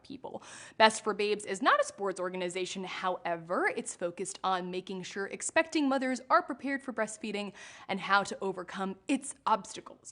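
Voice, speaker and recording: A woman's voice: medium pitch, a bit bright. A young woman hosting a live trivia game show, bubbly and jokey, laughing at her own puns as she reads out questions and answers.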